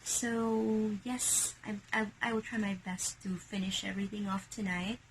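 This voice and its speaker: Hushed Filipino woman selling bags. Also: mid-range voice, fairly even intonation, a little slow, slight background noise, low-quality recording. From Philippines. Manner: hushed, half-whispering late at night. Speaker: online seller showing secondhand bags. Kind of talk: casual selling vlog.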